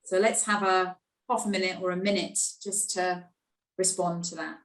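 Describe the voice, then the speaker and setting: A woman's voice: on the low side, little pitch movement, moderate pace. Friendly woman webinar host, roomy room sound. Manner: friendly, runs polls and hands over to speakers. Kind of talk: webinar moderation.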